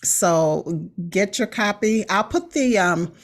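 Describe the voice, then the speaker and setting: A woman from the Midwest hosts a casual interview, nodding along with frequent short agreements. Her voice sits at a middle pitch for a woman. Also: lively intonation, slow pace. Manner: warm affirming listener, frequent agreement. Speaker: host.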